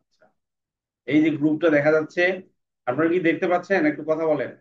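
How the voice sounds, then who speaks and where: Brief: male online teacher, slightly high voice, patient drill-style delivery, muffled distant call audio. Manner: patient, repeats letter drills slowly then quickly. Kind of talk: online class instruction. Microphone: video call.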